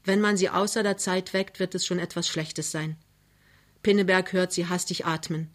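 A woman reading a novel aloud in a calm, measured narration. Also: fairly low pitch. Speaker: reader. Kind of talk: literary reading.

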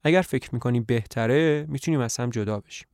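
A man's voice: mid-range voice, darkish tone, dry recording, studio quality, close to an everyday voice. A man voicing a weary aging male tramp, impatient yet hopeful, with a reassuring, slightly pleading manner in a podcast play reading.

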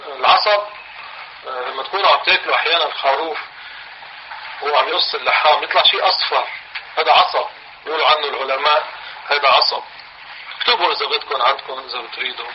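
Levantine-accented male religious teacher, fairly high voice, patient and repetitive, on a dull old tape. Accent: Levantine Arabic. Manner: explains slowly, repeats phrases, dictates for notes. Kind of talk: classroom religious lesson. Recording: dull lo-fi recording, faint hiss.

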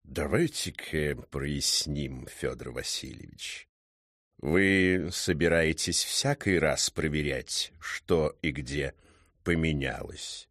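Brief: man voicing a slow, stern, lecturing magic cat from a storybook; deep, drawn-out delivery, dry sound. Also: a bit bright, no room sound, full character voice. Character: slow, pedantic talking magic cat, male.

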